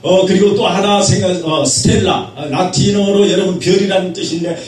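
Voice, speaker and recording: Fervent Korean pastor in an echoey hall. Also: male voice, high-pitched, fairly even intonation, normal speed. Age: middle-aged. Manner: fervent preaching, swings between loud exhortation and quiet testimony. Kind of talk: revival sermon. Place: prayer retreat hall. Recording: echoey hall from far off, faint hum.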